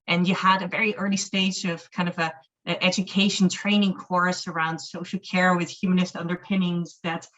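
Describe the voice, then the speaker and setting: A humanist chaplain born in the Netherlands earnestly explains her field in a webinar interview over video call, with frequent ums and restarts. Her lowish, fairly bright voice carries a mixed Dutch accent with an Irish-sounding lilt, and the lo-fi audio sounds dull.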